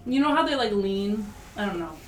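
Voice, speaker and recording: A woman's voice: mid-range voice, animated, a little fast, distant mic. A woman narrating as game master of a tabletop game, casual, chatty and giggly. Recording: roomy, from the mic, faint music.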